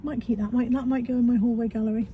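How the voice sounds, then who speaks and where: Through narrow, tinny audio with a little hiss or hum, a British vlogger talks fast in a steady voice on the high side. She chats casually from her car in British English, congested as she comes down with a cold, and tags questions onto her remarks.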